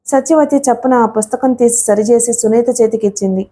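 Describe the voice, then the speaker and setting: A woman's voice: a little high, fairly quick, dark tone. A woman narrating a novel as a scripted audiobook reading.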